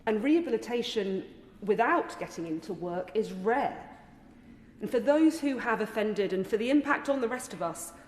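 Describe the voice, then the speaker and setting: A woman member of parliament delivering a formal speech in a measured, earnest, rhetorical way in a large debating chamber. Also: mid-range voice, expressive, a little mellow. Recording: echoey hall, distant reverb, noisy ambience.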